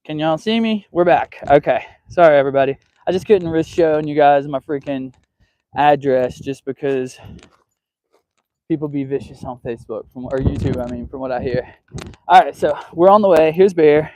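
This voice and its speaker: A man's voice: on the high side, normal speed, a little mellow, no room sound, rough recording. A man hosting a casual live vlog outdoors on a windy trail, chatting to viewers and scolding his dog as he walks. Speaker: livestream host. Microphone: mic with a wind cover, handheld while walking. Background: wind noise.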